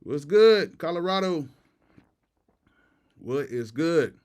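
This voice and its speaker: A man's voice: fairly high pitch, animated, takes it slowly, a little mellow, clean tone. An American man from Florida hosting a casual livestream, talking with retainers in his mouth, using slang and repeating his greetings and phrases. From Tampa, Florida. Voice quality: slightly off articulation from wearing retainers. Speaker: livestream host and music producer.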